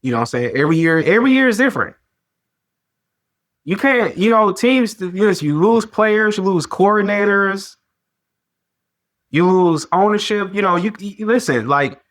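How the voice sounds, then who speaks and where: A man hosts a sports talk show in a loose, conversational way, hammering his points home by repeating them. His voice sits a little high for a man, and he lets it rise and fall freely as he riffs. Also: unhurried. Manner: animated, repetitive, conversational slang. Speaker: podcast host.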